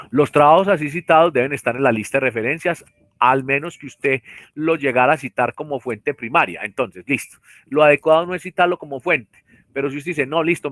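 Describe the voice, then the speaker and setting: This male university lecturer has a mid-range, somewhat bright voice and no room sound around him. He explains things one step at a time to an online class, leaning on fillers and tag questions, recorded on a computer mic during a video call.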